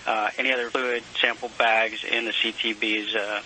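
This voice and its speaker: A man's voice: on the low side, little pitch movement, normal speed, pushed and bright. A man working as a mission control communicator, speaking in formal procedural calls and readbacks over a hissy space radio link. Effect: crackly space radio link.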